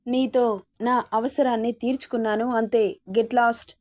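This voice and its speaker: A woman's voice: fairly high pitch, flat delivery, unhurried, a little mellow, no room sound, studio quality, close to an everyday voice. A woman reading the lines of a callous young man who mocks his married lover, in a scornful tone. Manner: scornful, mocking.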